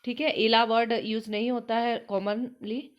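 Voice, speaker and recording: In a slightly high, level voice, a woman unhurriedly explains exam questions step by step in an online prep lesson, pausing often to check in and saying "ठीक है" again and again. The audio is dull.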